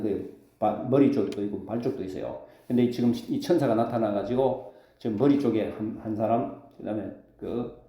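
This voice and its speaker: A pastor preaching a sermon, throwing rhetorical questions to the congregation. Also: male voice, mid-range voice, reverberant. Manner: lively preaching with call-and-response questions. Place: church sanctuary.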